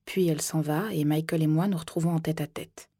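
A woman narrating an audiobook in the first person, soft and measured, often slipping into whispers. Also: deep voice, steady tone, slightly rough, no echo, clean studio sound.

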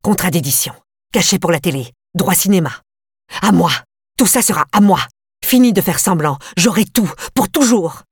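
A woman's voice: fairly low pitch, expressive, normal speed, breathy edge, no room sound, clean studio sound, heavily acted. A woman voicing Charlie, a scheming, menacing male killer who talks in a sneering, cold way. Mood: gloating.

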